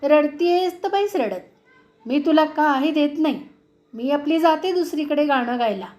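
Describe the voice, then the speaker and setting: A careless, singing myna bird from a children's story, scolding and brushing others off, as a woman voices her. Her pitch is high and the tone mellow. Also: animated, a little slow. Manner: scolding, dismissive.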